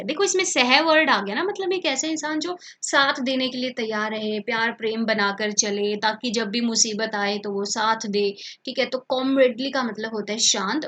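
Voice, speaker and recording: A woman's voice: fairly high pitch, a bit bright. Hindi-speaking woman teaching vocabulary. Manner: explains words in Hindi with English terms, repeats words and checks in with "ठीक है". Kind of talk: online exam-prep lesson.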